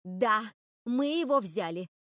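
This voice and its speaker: A woman's voice: on the high side, lively intonation, normal speed, darkish tone, dry recording, studio quality, natural voice. A woman voicing a nervous witch sister who pleads and apologizes. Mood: pleading. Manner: anxious, pleading.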